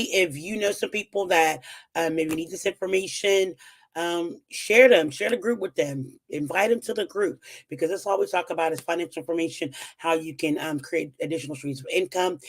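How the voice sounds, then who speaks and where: On her weekly livestream, a financial educator teaches money matters at a whiteboard in a low-pitched voice that sounds rough and strained, as if only just returning after she lost it. She keeps things relaxed and chatty, pausing on "um"s and cheering viewers on with upbeat encouragement.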